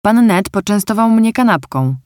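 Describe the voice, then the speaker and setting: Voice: medium pitch, lively intonation, moderate pace, a little mellow, no echo, studio quality, voice pushed up, lightly acted. A storyteller voicing a trusting, cheerful young girl in an audiobook, speaking earnestly and plainly. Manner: earnest, artless.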